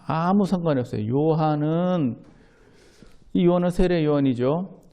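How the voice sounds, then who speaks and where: Mellow-voiced pastor preaching conversationally. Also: male voice, fairly high pitch, a little slow. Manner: conversational preaching with rhetorical questions; acts out quoted lines in lively voices. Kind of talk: sermon.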